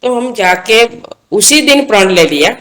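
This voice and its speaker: A woman's voice: medium pitch, expressive, measured pace, fairly bright tone. An earnest woman speaks as an interview guest, recounting a personal faith experience in plain, casual talk. She circles back over her own words, repeating and restarting phrases as the story unfolds.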